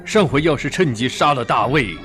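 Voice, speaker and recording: Man acting a brooding jealous king over loud music. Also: medium pitch, animated, fairly quick, natural voice. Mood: brooding regret. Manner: sighing, brooding soliloquy. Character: jealous, scheming male king, regretful and suspicious. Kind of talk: children's audio story acting. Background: prominent dramatic music.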